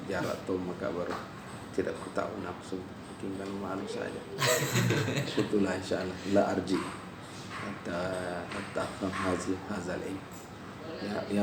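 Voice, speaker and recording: A man teaching Arabic grammar to a class in Indonesian, telling stories between points and often checking that students follow. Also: creaky. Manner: digressive storyteller, drops his voice low, frequent checks "jelas?". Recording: roomy class recording from far off with faint noise.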